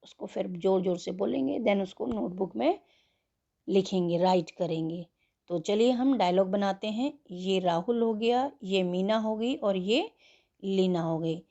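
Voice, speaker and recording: A woman teaching an English worksheet, slowly spelling words letter by letter and explaining them in Hindi. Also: medium pitch, gravelly, dark tone, dull audio. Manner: slow and patient.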